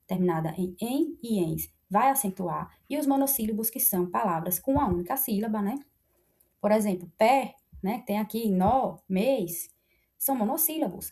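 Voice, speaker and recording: A woman's voice: medium pitch, a little mellow. A woman teaching a grammar lesson, explaining step by step and often checking in with her students. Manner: explains slowly with many checks like "né?" and pointing "ó". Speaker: Portuguese language teacher.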